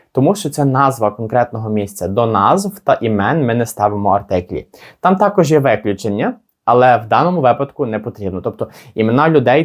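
Lively male teacher. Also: medium pitch. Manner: slow, drawn-out model phrases between quick explanations. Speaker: English teacher. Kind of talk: language lesson.

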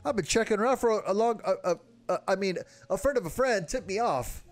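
A man's voice: high-pitched, expressive, fast talker, soft background music, voice pushed up. A man reading game dialogue aloud, voicing a lovesick, nervous young male village guard who keeps blurting things and covering them up. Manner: flustered, blurting then covering up.

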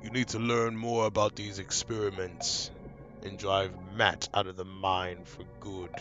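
Man reading as a low, solemn ancient spirit. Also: flat delivery, a little slow, fairly bright tone, lo-fi sound, faint music behind. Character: solemn ancient spirit guide in fantasy game.

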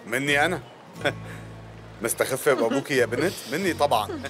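A man's voice: medium pitch, lively intonation, moderate pace, close to an everyday voice. An actor playing a boastful, self-important middle-aged father with a Syrian accent in a dubbed TV drama. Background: background music.

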